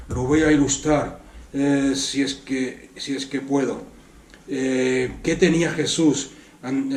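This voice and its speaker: Earnest Spanish pastor preaching in an echoey hall. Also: male voice, mid-range voice, darkish tone, far from the mic. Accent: Spanish from Spain. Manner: earnest, repeats words for emphasis, asks the congregation rhetorical questions. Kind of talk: sermon.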